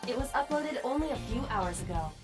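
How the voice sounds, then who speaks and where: A woman's voice: sits high, animated, fairly quick, music in the background. A woman voicing a composed, helpful AI partner in a video game, formal and precise in delivery. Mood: efficient. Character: female AI partner, composed, helpful, matter-of-fact.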